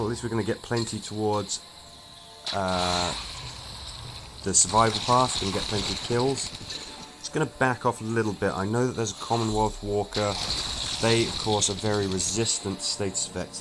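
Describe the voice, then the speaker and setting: A low-pitched man talks his way through a turn-based game in an easy, chatty let's-play style. He thinks aloud, stumbles over a word now and then, and clear game music plays behind him. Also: fairly even intonation, moderate pace, pauses often, low-quality recording. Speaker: gaming streamer. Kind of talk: casual let's-play commentary.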